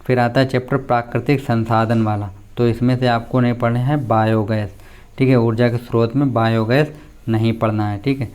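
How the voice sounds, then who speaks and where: A male teacher walks students through a syllabus in a plain, explaining tone. His voice is smooth and clear, his pitch stays level, and he keeps pausing to check in with his listeners. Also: steady tone, a little mellow. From India.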